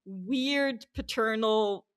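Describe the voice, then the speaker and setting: A woman co-hosting a podcast, talking in a fairly high voice. She chats loosely and keeps restarting sentences, with lots of filler words. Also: drawn-out words, smooth. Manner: chatty, full of "like" fillers and restarts. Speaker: podcast co-host. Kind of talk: casual chat.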